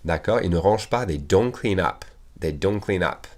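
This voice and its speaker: French guy teaching english online, low voice, says the english bits slow with an american accent. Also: animated, darkish tone. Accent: American English when speaking English. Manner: slow deliberate English examples, quick French explanations. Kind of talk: online language lesson.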